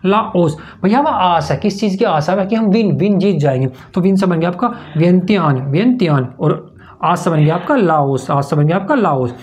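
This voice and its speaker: Male teacher, high voice, sing-song self-quizzing lesson, muffled lo-fi audio. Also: animated, normal speed, darkish tone. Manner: sing-song quizzing, asks and answers himself. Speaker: exam-prep teacher. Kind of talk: mnemonic lesson to camera.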